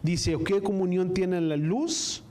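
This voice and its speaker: A man preaching a sermon to a congregation, reading scripture slowly line by line and asking the listeners to repeat after him. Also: sits high, darkish tone, slight background noise. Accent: Spanish-speaking, from the US-Mexico border. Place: church service, also streamed online.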